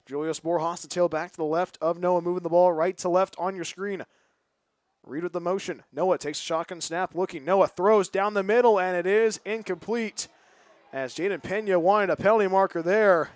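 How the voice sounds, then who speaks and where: Play-by-play caller, Californian man, high voice, close dry headset sound, chatty. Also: no echo. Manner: fast, chatty, excitable call. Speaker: play-by-play announcer. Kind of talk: play-by-play commentary.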